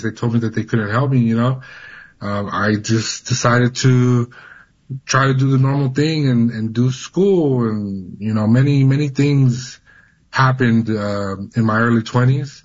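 A man in his thirties, from Honduras and raised in California, tells his personal story as a guest in a news interview, frequently restarting and repeating words. His voice is mid-range and the recording is muffled.

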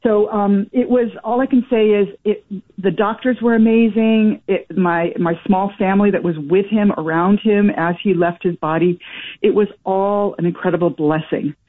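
A woman phoning in to a radio call-in show tells a personal story, her voice thin and boxy over the phone line. She talks in a hesitant way, filling her pauses with ums and uhs. Her pitch sits in a middle range. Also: steady tone. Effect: caller heard over a phone line on a radio show.

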